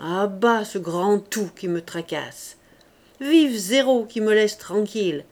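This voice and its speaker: A woman's voice: medium pitch, takes it slowly, darkish tone. Boisterous old senator, mocking and self-satisfied, put on by a woman narrator in a storybook reading. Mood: jovial mocking. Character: jovial worldly old male senator, mocking.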